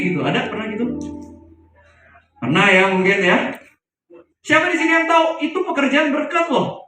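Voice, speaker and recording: Music and strong hall echo surround this distant, very high male voice as he gives an animated youth sermon. He weaves in stories and questions the church congregation.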